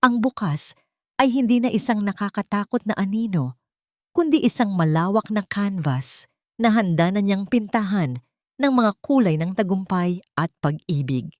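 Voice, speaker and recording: A Filipino-accented woman narrates a scripted dramatic story in an expressive, slightly mellow voice of medium pitch. She reads at a normal speed, and the studio-quality recording has no echo.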